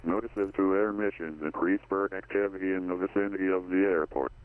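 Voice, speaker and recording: A deep male voice plays as an automated airport weather broadcast, listing visibility, clouds and runways in a level, unhurried recitation. It comes through a thin, phone-like radio channel with the low end stripped away. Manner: flat, even reading of weather and runway data. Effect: automated airport weather broadcast over radio. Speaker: automated terminal information service. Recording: tinny lo-fi radio feed.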